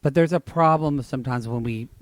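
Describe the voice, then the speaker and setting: A man co-hosting a casual podcast recap, retelling scenes with wry, deadpan quips. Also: mid-range voice, a little fast, no echo. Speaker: podcast co-host.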